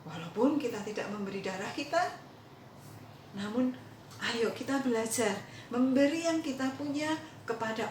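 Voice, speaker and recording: A woman Sunday school teacher telling children a Bible story and lesson, pausing often with fillers. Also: medium pitch, slight background noise. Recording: roomy echo, voice from a distance.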